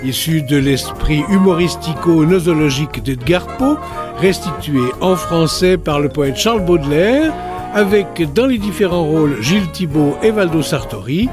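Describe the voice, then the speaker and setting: A man's voice: a little high, expressive, unhurried. Guy reading the credits at the end of a radio play, formal, music under him. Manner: formal and announcing. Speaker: announcer. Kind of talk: closing credits announcement.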